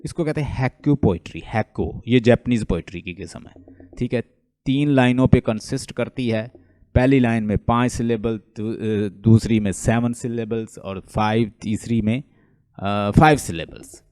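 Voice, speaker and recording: Male lecturer, mellow dry voice, lively teaching style, asks questions and answers them himself. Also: medium pitch, moderate pace, no echo. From Pakistan. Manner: mixes English terms into Hindustani speech. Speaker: English literature lecturer. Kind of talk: online lecture.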